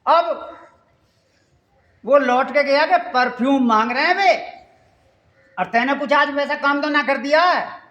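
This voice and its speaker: Woman, folk storyteller, high and unhurried, echoey muffled room. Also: a bit bright. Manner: amused, chatty.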